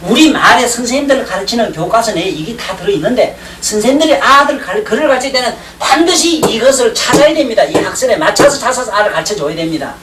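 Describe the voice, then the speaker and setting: A man's voice: very high voice, animated, fast talker, hardly any pauses. A man giving a classroom lecture on Chinese classics, rambling and joking and often checking in with his class. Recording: roomy 1990s lecture tape, distant mic, faint hiss.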